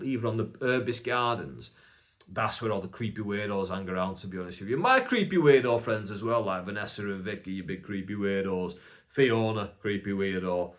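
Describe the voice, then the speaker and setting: With a low, slightly bright voice and a Northern English Bolton accent, a young English comedian does a rambling, self-deprecating solo podcast, with "like" cropping up constantly as filler.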